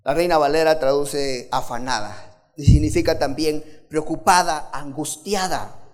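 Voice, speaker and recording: A man's voice: a little high, a little slow. A man preaching a sermon, talking expressively and asking his listeners rhetorical questions.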